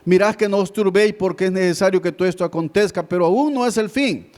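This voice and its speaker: A pastor preaching a sermon, who keeps calling his listeners brother and swings between loud appeals and hushed words. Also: high-pitched, fast talker.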